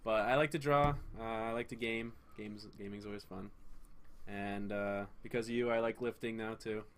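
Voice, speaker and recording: A man's voice: on the low side, fairly even intonation, moderate pace. A young man, a student guest, chatting casually and telling rambling, self-deprecating stories. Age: young adult. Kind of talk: casual chat.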